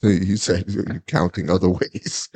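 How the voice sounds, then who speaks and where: A laid-back man from the United States co-hosts a casual podcast with playful banter. His voice is very low and deep. The sound is dry and close, with no room echo. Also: steady tone, takes it slowly, darkish tone, slightly rough. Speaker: podcast co-host. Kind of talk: casual chat.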